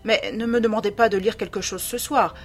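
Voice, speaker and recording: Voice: medium pitch, steady tone, fairly quick, soft background music, voice pushed up, lightly acted. A reader voicing Basil, an earnest male painter who presses for an answer, in a classic novel audiobook.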